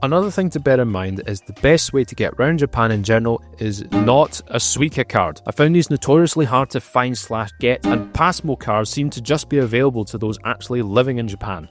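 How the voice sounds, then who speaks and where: A man in his thirties narrating a travel vlog, with wry, sarcastic asides and playful emphasis. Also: mid-range voice. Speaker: travel vlogger.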